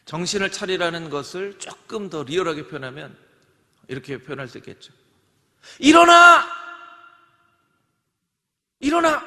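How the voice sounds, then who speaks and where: Male pastor, lively sermon delivery, bright high voice, bursts of shouted commands, long church reverb. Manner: animated preaching, shouting acted-out commands. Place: church sanctuary.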